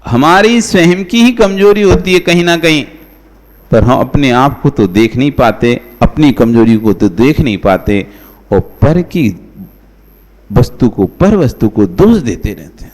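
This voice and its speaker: A man's voice: medium pitch, expressive, a little slow, long reverb tail. A man, a monk, giving a conversational sermon, asking his listeners rhetorical questions and calling on them by name. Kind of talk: devotional sermon.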